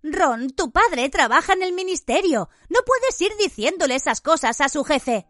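A woman's voice: high voice, very animated, normal speed, fairly bright tone, no echo, clean studio sound, pitched above the performer's own voice. A woman voicing an anxious, clever schoolgirl who speaks breathlessly and stammers. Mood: reproachful.

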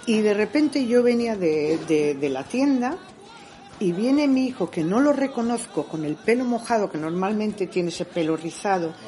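A middle-aged woman, an interview guest, telling stories in a lively way and acting out what people said. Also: mid-range voice, moderate pace. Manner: animated storyteller who acts out dialogue. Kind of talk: conversational interview.

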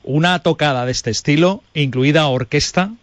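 A man's voice: on the high side, moderate pace, no room sound. A man hosting a radio interview, asking questions in a friendly casual way and nudging the guest on with short replies. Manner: friendly, brief back-channel prompts. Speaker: radio host.

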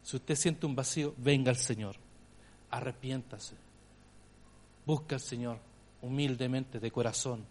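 A man with a Chilean accent preaching a sermon as pastor, swinging between loud emphatic phrases and hushed ones. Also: medium pitch, steady tone, measured pace, pauses often, slight background noise.

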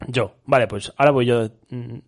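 A man's voice: mid-range voice, moderate pace. Chatty young Spanish man telling stories. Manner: rambling anecdotes, frequent restarts, laughs. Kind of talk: casual chat.

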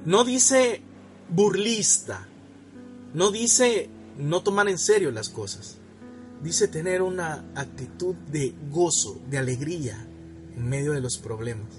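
Man, preacher, high voice, sermon, direct address, repeats phrases, asks for amen, faint guitar behind. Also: animated, takes it slowly. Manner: calls for amen from the congregation.

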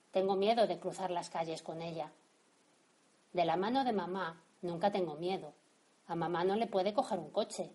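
Husky Spanish storytelling host. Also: female voice, fairly low pitch, a little mellow. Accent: Spain Spanish. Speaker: podcast host and story reader. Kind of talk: storytelling podcast reading.

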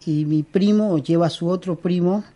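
A costume and prop maker from Peru, middle-aged and speaking with a Peruvian Spanish accent, rambles casually as an interview guest, restarting often and using many fillers. His voice sits high with a dark tone at a normal speed.

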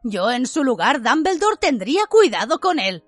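A woman's voice: sits high, sing-song, moderate pace, dry recording, faint music behind, voice pushed up. A woman reading aloud voices a flustered, pompous male government official who huffs and frets. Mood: huffy. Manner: agitated, huffing.

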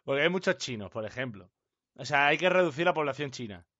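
A man's voice: mid-range voice, animated, quick pace, a bit bright, no echo. A man with a Castilian Spanish accent chatting casually as a streamer. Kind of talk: casual chat. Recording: slightly dull, close dry microphone.

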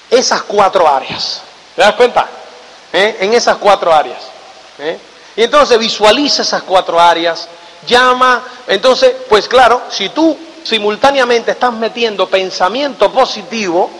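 High-voiced man speaking in an echoey hall. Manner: animated, keeps asking "do you get it?" tag questions. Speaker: motivational speaker. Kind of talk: motivational talk to an audience.

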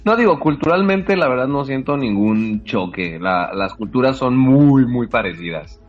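A Mexican man talks over a dull, lo-fi remote line at an ordinary pitch. He explains things in a relaxed way, restarting his sentences and filling the gaps. Faint music sits beneath him. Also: normal speed. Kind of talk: casual podcast chat.

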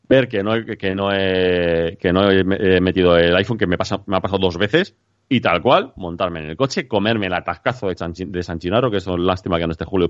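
A man's voice: low-pitched, no echo, muffled recording. A man chatting casually on a tech podcast, rambling and emphatic with many restarts.

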